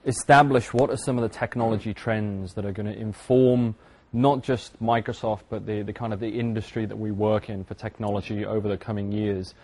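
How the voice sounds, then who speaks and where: A British man from the UK with a lowish, darkish voice presents a conference talk. His style is loose and conversational, full of fillers and restarts.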